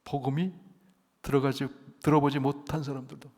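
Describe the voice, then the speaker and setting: A man preaching a sermon as senior pastor, swinging between loud, urgent appeals and hushed, near-whispered lines, and leading the congregation to repeat phrases after him. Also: medium pitch, flat delivery, a little fast. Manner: leads the congregation in call-and-response repetition. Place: large church sanctuary. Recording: long church hall reverb.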